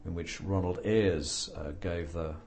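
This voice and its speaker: A man's voice: sits low, steady tone, a little slow, darkish tone. An older man and author being interviewed, talking thoughtfully with dry humor and plenty of hesitations. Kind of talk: reflective interview talk.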